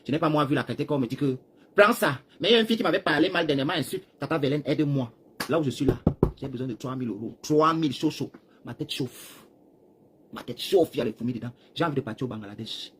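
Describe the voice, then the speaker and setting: A Cameroonian man rambling through a live stream, talking straight to his viewers and swinging between loud bursts and hushed asides while seated. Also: medium pitch, racing, a little hiss or hum. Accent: Cameroonian French. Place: seated, chair.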